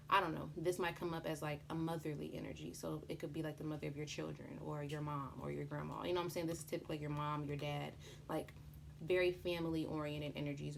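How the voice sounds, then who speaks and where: Casting: woman, low creaky voice, casual tarot tutorial host, chatty and sweary, noisy home recording. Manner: chatty, informal, swears freely. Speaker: tarot reader presenting a tutorial. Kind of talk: casual, unscripted explainer with slang.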